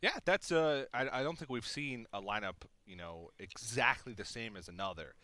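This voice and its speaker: A man's voice: medium pitch, lively intonation, moderate pace, bright, forceful tone, no room sound. A young man casting a collegiate card game tournament, with playful, chatty banter between matches. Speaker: esports caster. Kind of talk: tournament commentary.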